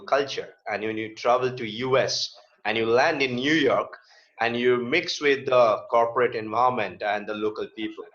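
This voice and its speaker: A man hosting an online interview, speaking haltingly with frequent fillers. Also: mid-range voice, fairly bright tone. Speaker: host. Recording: dull lo-fi call audio.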